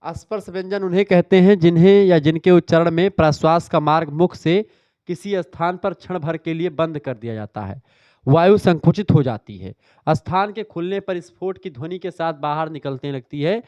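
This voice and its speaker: A man's voice: a little high, moderate pace, a little mellow, dry recording, dull audio. A male teacher giving an exam revision lecture, explaining step by step and checking in with "theek hai". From northern India. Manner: explanatory, repeats "ठीक है" often.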